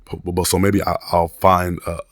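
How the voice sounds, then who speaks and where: This thirtysomething reviewer, his voice hoarse after a cold, rambles through a laid-back mic review vlog from his desk at home, restarting often and leaning on fillers. His low, gravelly, fry-laden voice is flat in delivery at normal speed with a fairly bright tone. A desk condenser USB mic captures it close and dry, with no room echo.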